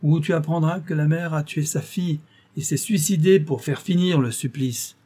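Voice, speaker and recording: A man's voice: fairly high pitch, normal speed, warm tone, slightly rough, pitched above the performer's own voice. A man voicing a gloating, cruel master criminal in an audiobook, taunting and menacing. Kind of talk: audiobook reading.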